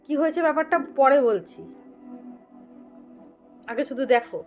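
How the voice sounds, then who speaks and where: Very high-pitched, animated woman vlogger. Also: normal speed, faint music behind. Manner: animated, playfully scolding and repeating herself. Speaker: vlogger showing her pet. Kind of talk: casual chat to the camera.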